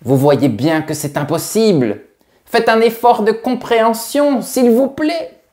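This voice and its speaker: A man's voice: sits high, animated, unhurried, a little mellow, voice pushed up. A man voicing a pompous elderly male creator of the French language, talking in a grand, formal, lecturing way. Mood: indignant. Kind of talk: comic teaching sketch.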